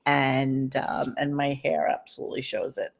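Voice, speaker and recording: A woman's voice: extremely low pitch, monotone, moderate pace, creaky. A woman hosting a casual, salty talk show with an echoey sound, as if away from a close microphone. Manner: salty, swearing, joking. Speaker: host. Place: echoey basement room.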